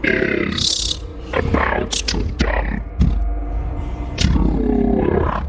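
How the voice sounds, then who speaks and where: Staying in character during livestream chat, this streamer plays a male demon bent on threatening humans, using a voice changer for a deep, disguised monster sound. His gravelly, slow voice carries a menacing mood throughout. The recording is very noisy, with loud music under his speech.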